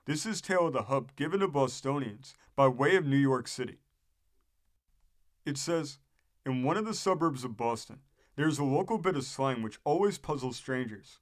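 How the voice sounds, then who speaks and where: A man's voice: mid-range voice, animated, moderate pace. A man reading an old newspaper story aloud as scripted narration, as the host of a history program.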